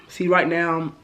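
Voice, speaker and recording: In a relaxed get-to-know-me video, a young woman with a fairly low, pushed, bright voice answers questions about herself. She's recovering from the flu and sounds a bit stuffy, and her chatty answers wander, full of ums.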